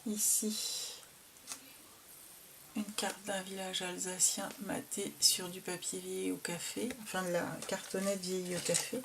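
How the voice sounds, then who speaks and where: Woman, unhurried craft vlogger, hesitant with fillers, faint hiss behind. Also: fairly low pitch, level tone, creaky. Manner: slow, hesitant, filled with "euh". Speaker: craft vlogger showing a received album. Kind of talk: casual show-and-tell.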